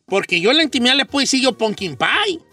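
A man's voice: very high-pitched, big pitch swings, fast, bright, forceful tone, distant mic, soft background music. A man hosting a radio show in casual banter, playful and teasing, slipping English phrases into his talk.

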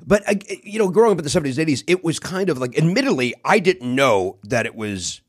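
A middle-aged man from Chicago chats with a podcast host about growing up. His pitch moves a lot as he talks. He tells his story in a candid, self-deprecating way. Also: very animated, quick pace. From South Side of Chicago. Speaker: podcast guest. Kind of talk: casual conversation.

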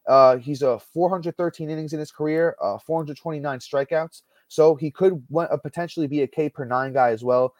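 A man's voice: on the high side, brisk, hardly any pauses, a little mellow, no room sound. A man hosting a casual sports podcast from home over a call, chatty and heavy on stats, full of fillers and restarts. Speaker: podcast host.

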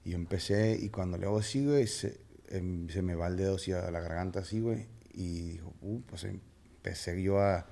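A man with a Mexican accent, a podcast guest telling his story in casual slang with halting fillers. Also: deep voice, vocal fry, mellow.

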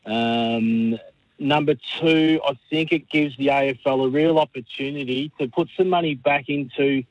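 Aussie guy calling radio, halting, pretty monotone, muffled lo-fi line. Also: mid-range voice, dry recording. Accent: Australian. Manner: halting, hesitant delivery. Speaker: talkback radio caller. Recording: dull lo-fi caller line.

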